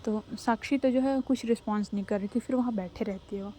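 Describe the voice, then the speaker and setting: Mellow-voiced woman telling a story. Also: fairly high pitch, fast talker. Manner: conversational, mixing English words into Hindi. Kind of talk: casual spoken story narration.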